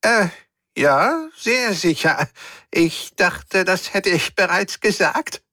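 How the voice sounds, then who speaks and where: A man's voice: sits high, animated, takes it slowly, bright, forceful tone, no room sound, clean studio sound, exaggerated voice. A man voicing a flustered alien captain. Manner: flustered, stammering, overly polite. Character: nervous evasive alien captain with a trunk.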